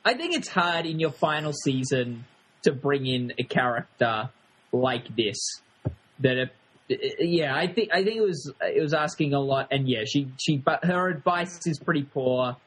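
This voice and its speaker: A man's voice: mid-range voice, lively intonation, normal speed, fairly bright tone, husky. A man co-hosting a podcast, giving drily critical opinions in a casual, hesitant way with many restarts. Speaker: podcast co-host. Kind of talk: casual review chat.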